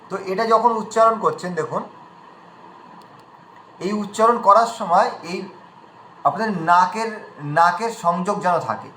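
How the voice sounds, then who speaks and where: A man's voice: high-pitched, bright, forceful tone, roomy sound, a little hiss or hum, rough recording. A man teaching pronunciation in an online class, patiently demonstrating sounds one at a time.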